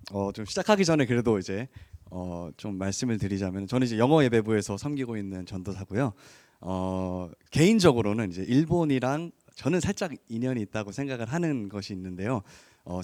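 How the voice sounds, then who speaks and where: A Korean man raised abroad, serving as associate pastor of an English-language congregation, preaches a sermon informally, explaining as he goes and mixing English words into his speech. His medium-pitched voice has a darkish tone with no room sound.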